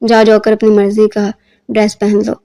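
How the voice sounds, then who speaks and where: A woman's voice: medium pitch, monotone, mellow, lightly acted. Woman reading a cruel, domineering husband. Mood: cold, commanding. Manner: curt, commanding.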